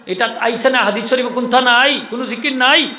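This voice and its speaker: A man with a Sylheti accent preaches to a gathering, his high voice bright and forceful. He keeps throwing questions at the crowd and waiting for their answers. The sound carries a long hall reverb over faint background ambience. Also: a little fast, a little hiss or hum. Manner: animated, questions the crowd and drills call-and-response. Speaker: Islamic preacher. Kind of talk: sermon to a live gathering.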